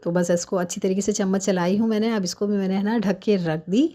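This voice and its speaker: A woman doing a hurried, chatty cooking voice-over while fasting, explaining each step at home. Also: mid-range voice, steady tone, mellow. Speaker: home cook vlogger.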